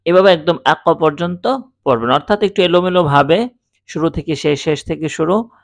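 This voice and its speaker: A man's voice: fairly high pitch, moderate pace, no echo. A man teaching Quran reading step by step, patiently sounding out each letter with firm stress. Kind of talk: step-by-step recitation lesson.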